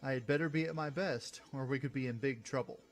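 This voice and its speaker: A man's voice: mid-range voice, quick pace, faint music behind, close to an everyday voice. A man doing a jittery young ensign. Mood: wry.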